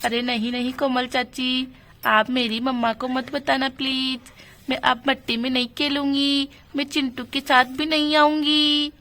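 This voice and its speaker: A woman's voice: sits high, little pitch movement, pushed and bright, heavily acted. Woman playing an eager little village girl. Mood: pleading. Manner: protesting, quick to blame.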